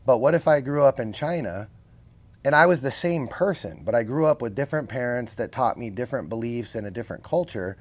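Speaking briskly and expressively at a medium pitch, a man appears as a podcast guest in a relaxed conversational interview. He lays out his views earnestly, frequently asking "right?" and using rhetorical questions.

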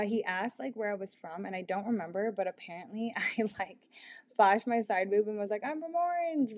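A young woman chatting casually to camera, full of "like" and "um," candid and giggly as she tells a personal story. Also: mid-range voice. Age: young adult. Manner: chatty, filler-heavy with constant "like" and "um"; candid and giggly, laughs mid-sentence. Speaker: vlogger.

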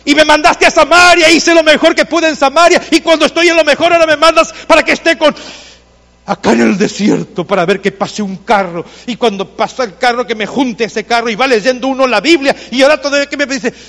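Preacher doing an aggrieved Philip, loud and high, ringing in a reverberant church. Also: male voice, a little fast, few pauses. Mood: aggrieved complaint. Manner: loud, aggrieved, near shouting. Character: Philip the deacon, grown man, exasperated and complaining to God.

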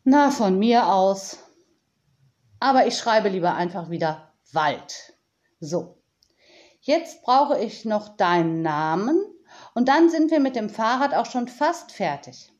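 A woman's voice: medium pitch, animated, takes it slowly, darkish tone. A woman voicing a patient, matter-of-fact office clerk in a storybook reading, her voice close to her own. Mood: dismissive. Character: patient, dry lost-property clerk, adult woman.

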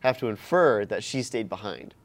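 Sitting in a room with his co-hosts, a man with a fairly low voice at a moderate pace casually summarizes a movie, laughing and dramatizing quoted lines in a spirited storytelling manner.

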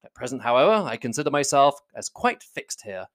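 A reader voicing an amiable, impulsive young gentleman with a polite, earnest, animated manner. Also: medium pitch, a little fast, pitched above the performer's own voice, lightly acted. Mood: cheerful, playful.

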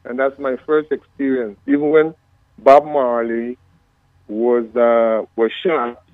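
A Guyanese-born man in his fifties tells his story down a narrow, tinny phone line. He talks slowly and gives thanks often, with a devout, easy manner. The sound is dry and close, with no room around it. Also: mid-range voice, flat delivery, dry recording. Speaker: reggae singer, phone-in guest. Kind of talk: relaxed storytelling interview.

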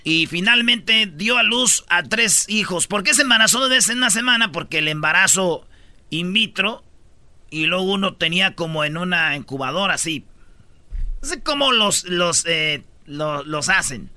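A man hosting a comedy radio show, with a high, very bright voice. He tells the news as slangy, joking stories and teases his cohosts. The studio sound is dry and close to the mic. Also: expressive, normal speed, no echo.

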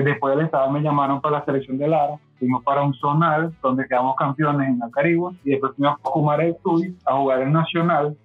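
Venezuelan guy guesting on a pod, rambly, lots of fillers, slightly high voice, sounds like a phone line. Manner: rambling, many fillers and restarts. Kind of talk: casual interview storytelling.

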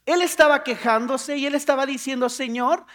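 Animated pastor preaching. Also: male voice, normal speed. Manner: animated, acts out prayers in a higher pleading voice, humorous asides. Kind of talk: sermon.

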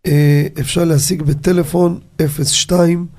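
Animated, gravelly-voiced rabbi on the radio. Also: male voice, on the high side. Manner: animated, asks rhetorical questions, tells anecdotes. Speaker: rabbi teaching on a radio show.

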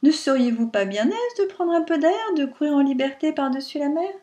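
A woman's voice: high voice, lively intonation, a little fast, warm tone, far from the mic, voice pushed up. A woman voicing Pierrot, a cheeky farm boy who talks in a gleeful, mocking way in a storybook tale. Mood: bargaining.

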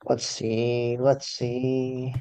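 A man's voice: medium pitch, monotone, dark tone, smooth, dry recording. A young man co-hosting a podcast, talking in a casual, joking way and stopping often to hesitate. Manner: hesitant, halting, lots of fillers. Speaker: podcast co-host.

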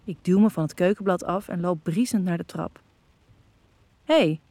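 A woman narrating a first-person erotic audio story, calm and intimate. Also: lowish voice, brisk, dry recording.

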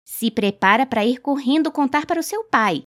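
Lady reading as an antsy village mom hurrying her son along, a bit high. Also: lively intonation, a little fast, fairly bright tone. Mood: impatient. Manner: anxious urging. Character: impatient village mother.

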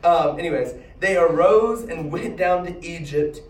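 A man's voice: fairly high pitch, unhurried. A man giving a casual Bible teaching, retelling the story in a chatty way with many restarts and fillers. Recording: roomy echo, distant mic, faint ambience.

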